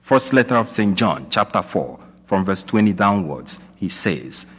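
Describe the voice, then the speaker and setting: A man's voice: sits low, sing-song, a little slow, breathy edge. A man preaching a sermon in a church, posing rising questions and repeating points for emphasis, his voice ringing with cathedral echo. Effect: cathedral echo, long reverb of a large church. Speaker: priest. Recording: long church hall reverb.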